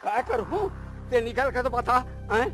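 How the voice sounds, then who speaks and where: Grumbling, argumentative Chhattisgarhi husband. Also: male voice, extremely high pitch, lively intonation, a little slow. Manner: grumbling, argumentative, sometimes shouting. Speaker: comic actor playing a quarrelling husband. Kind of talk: Chhattisgarhi comedy sketch acting. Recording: loud background music.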